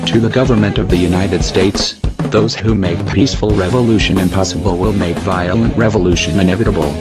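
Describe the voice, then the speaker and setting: A man's voice, masked by a pitch-lowering effect so it rumbles very deep and unnatural. He delivers a slow, solemn proclamation in the manner of an anonymous message. Loud music plays underneath him throughout. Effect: disguised, pitched-down deep voice.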